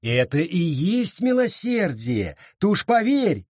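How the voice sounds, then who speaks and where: Brief: man doing a cold, taunting young woman, husky, slow menace, raised pitch, lively swings. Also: no echo, studio quality, heavily acted. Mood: menacing. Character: fierce vengeful young woman, cold and mocking.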